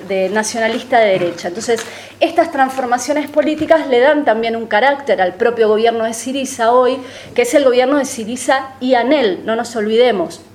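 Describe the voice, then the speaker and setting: Woman giving a measured political talk. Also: sits high, darkish tone, slight background noise. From Argentina. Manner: analytical, measured, frequent hesitation fillers. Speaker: panel speaker on politics.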